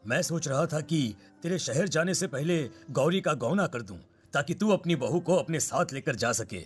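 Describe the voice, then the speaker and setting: A man plays an earnest village man in a horror cartoon, pleading in a fairly high voice. Faint music sits behind him. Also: animated, normal speed, lightly acted. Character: worried village father, pleading. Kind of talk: cartoon voice acting.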